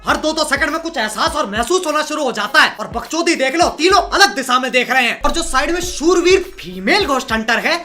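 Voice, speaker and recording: A man's voice: very high voice, lively intonation, brisk, few pauses, pushed and bright. A man hosting comedic roast commentary, mocking clips in a sarcastic way. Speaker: host.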